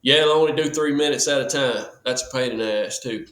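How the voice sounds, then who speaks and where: This podcast guest is a man in his forties whose medium-pitched, fairly bright voice moves at a quick pace. He chats in a relaxed, folksy style, frequently starting over, and the room sounds echoey.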